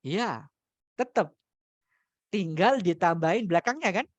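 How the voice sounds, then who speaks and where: A man's voice: high voice, animated, a little slow, dry recording, dull audio. A man teaching Arabic grammar in a study class, explaining step by step, repeating key terms and asking questions for his students. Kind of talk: religious study class lecture.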